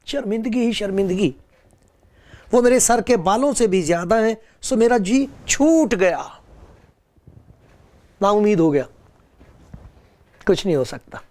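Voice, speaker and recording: A man's voice: high-pitched, expressive, pauses often, darkish tone. A man preaching a sermon on a religious program, earnest and pleading, with rising and falling emphasis.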